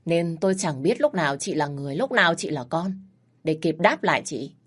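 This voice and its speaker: A woman narrating a first-person family drama in a calm, measured way. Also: low voice, husky.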